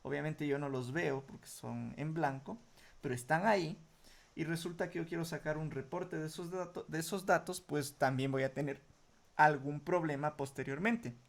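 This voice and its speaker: A man teaching a software tutorial, explaining each step patiently and often checking in with short questions before answering his own. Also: a little high, moderate pace, creaky. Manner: asks rhetorical questions then answers them. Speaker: computer skills instructor. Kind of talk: screen-recorded software tutorial.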